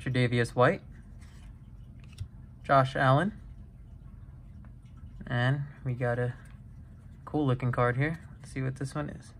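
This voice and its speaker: A young YouTuber with a medium-pitched voice opens a box of trading cards in a casual vlog, reading off names one after another at an easy pace. The big pulls make him chatty and excited. Faint room hum sits in the background.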